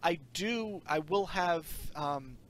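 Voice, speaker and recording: A man's voice: fairly high pitch, takes it slowly, a bit bright, slight background noise. A man hosting a casual podcast chat, introducing the panel and making announcements. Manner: chatty, running the show with announcements. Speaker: podcast host.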